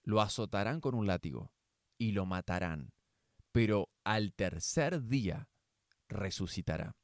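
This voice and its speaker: A man voicing Jesus as a calm, authoritative male teacher, speaking gravely and in a measured way. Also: fairly low pitch, dry recording, clean studio sound, voice pushed down. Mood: solemn teaching.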